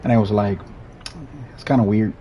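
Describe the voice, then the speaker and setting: The audio is dull with a bit of background noise, and his fairly low voice stays at a fairly even intonation and normal speed. A young man from Puerto Rico who speaks Spanish natively with a Puerto Rican accent, he rambles casually over his gameplay and keeps restarting sentences.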